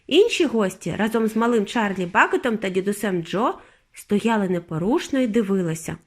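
A woman's voice: medium pitch, a little fast. A woman narrating a bedtime audiobook for children, reading expressively. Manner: expressive storytelling. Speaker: narrator, mother reading to her daughter.

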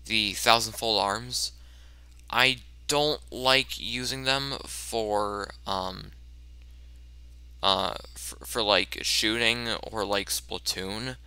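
A man's voice: lowish voice, extremely slow, creaky, clean tone, dry recording. A man giving casual, self-mocking commentary over a video game, stammering and restarting often. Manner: excited yelps during tense moments. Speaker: let's play commentator.

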